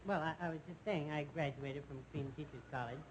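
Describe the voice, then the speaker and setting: A man plays a meek young schoolteacher from an old sitcom, stumbling over his words with shy little uhs. His voice sits a touch high for a man. Heavy hiss covers the old television recording. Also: fairly quick, natural voice. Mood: timid. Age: 20s. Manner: hesitant and stammering, full of uhs. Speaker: new science teacher. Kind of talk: 1950s live TV sitcom acting.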